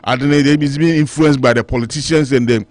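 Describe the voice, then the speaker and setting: A man with a Ghanaian English accent speaking as a radio panelist, halting and restarting often and slipping into local-language phrases. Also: mid-range voice, steady tone. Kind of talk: radio talk show discussion.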